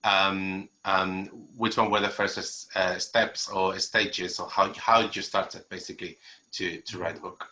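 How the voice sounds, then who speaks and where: A man's voice: low voice, level tone, measured pace, bright, forceful tone, low-quality recording. A man hosting an online literary event, introducing guests and asking questions in a hesitant way, often repeating and rephrasing. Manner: hesitant, repeats phrases and gropes for wording. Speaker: event host and interviewer. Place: remote video call.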